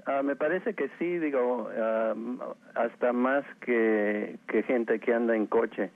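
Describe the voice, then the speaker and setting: Slow, halting professor over the phone. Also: male voice, mid-range voice. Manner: hesitant, halting with fillers. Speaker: guest professor. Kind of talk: radio interview answers. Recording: tinny phone line.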